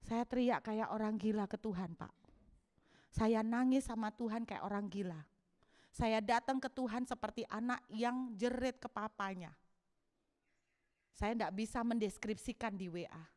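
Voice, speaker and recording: A woman pastor preaching a sermon in an animated way, acting out scenes of shouting and crying. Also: fairly high pitch, measured pace. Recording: long hall reverb.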